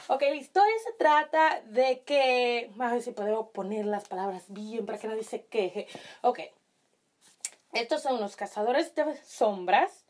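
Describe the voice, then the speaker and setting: A young vlogger, born in the Dominican Republic and raised in Italy with Italian as her first language, chats casually to camera in Spanish, sharing her opinions. Her fairly high voice carries a Dominican accent tinged with Italian, and she often pauses to hunt for words. She's filming in a small bedroom lit with string lights.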